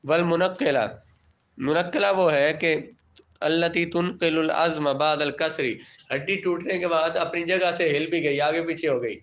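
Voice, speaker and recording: A man's voice: on the high side, fairly even intonation, fairly bright tone. A male teacher from Pakistan giving a classroom lecture. He reads out Arabic terms and explains each one in plain everyday words, often asking the class a question and then answering it himself. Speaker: religious studies teacher. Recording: dull lo-fi classroom recording.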